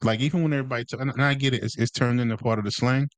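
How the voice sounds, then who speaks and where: A middle-aged man co-hosting a podcast, an animated storyteller who acts out other people and repeats words when he gets going. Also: medium pitch, racing, no echo. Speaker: podcast co-host. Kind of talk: casual chat.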